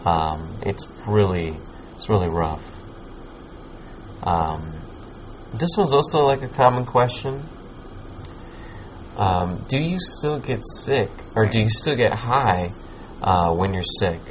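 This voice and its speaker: A man's voice: on the low side, slow pace, pauses often. A man chatting casually in a laid-back, slangy stoner manner, rambling and swearing as he hosts. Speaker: podcast host. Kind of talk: casual chat, giving advice. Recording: muffled lo-fi with background noise.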